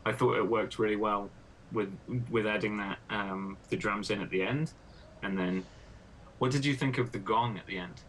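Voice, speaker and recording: A man with a lowish voice asks questions in a relaxed research interview, faint noise behind him. He thinks aloud as he goes and strings thoughts together with fillers. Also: moderate pace, low-quality recording. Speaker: interviewer, PhD student.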